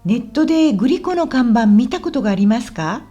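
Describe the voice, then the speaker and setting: This radio drama for language learners features a woman as a friendly, helpful local guide taking a visitor around Osaka, busy explaining things. Her voice is high and very animated, a little fast, polite and clear, with faint music underneath and dull audio.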